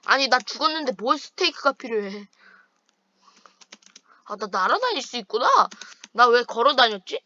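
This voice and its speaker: Gamer girl trash talking her buddy, bright voice, kinda dull muffled mic. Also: fairly high pitch, expressive, moderate pace, pauses often, no room sound. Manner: playful teasing trash talk. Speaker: gaming channel host. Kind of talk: casual chat while playing online with a friend.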